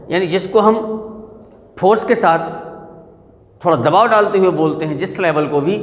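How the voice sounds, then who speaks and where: A man teaching a spoken English lesson, who stretches out example words, repeats them and quizzes his listeners. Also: high voice. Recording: echoey room with long reverb.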